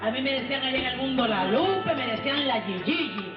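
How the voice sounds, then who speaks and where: A woman's voice: high-pitched, lively intonation, a little fast. A Cuban woman from Santiago de Cuba, a singer telling her own life story in a folksy, emphatic way, calling her listeners brothers. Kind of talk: first-person life storytelling. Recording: roomy, dull archival recording with music.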